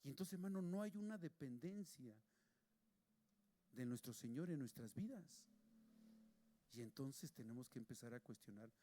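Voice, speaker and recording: A man preaching a sermon, moving between hushed, pleading passages and raised, emphatic ones. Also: mid-range voice, lively intonation, moderate pace, pauses often.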